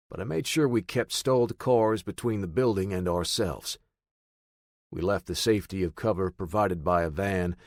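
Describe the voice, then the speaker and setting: A man reads a first-person audiobook in a steady, matter-of-fact voice. His voice sits on the low side. The recording is dry and close. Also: no room sound. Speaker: audiobook narrator.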